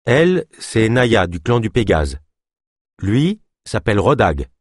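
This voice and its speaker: A calm, even-voiced young healer of about twenty, as a male audiobook reader plays him. He speaks steadily and without hurry, the tone low and dry in a close, quiet read. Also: slow, slightly rough, no room sound, heavily acted.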